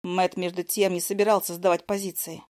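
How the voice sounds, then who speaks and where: Expressive woman narrating an audiobook. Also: lowish voice, a little fast. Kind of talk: first-person audiobook narration.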